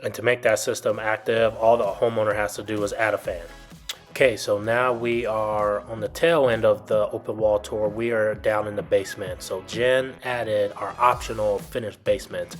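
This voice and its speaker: This explanatory tour narration comes from a man guiding viewers through a build in a walkthrough video. His voice is fairly low and his speed normal. The delivery stays fairly even, plain and instructive, with casual wording, and music is clearly audible behind him.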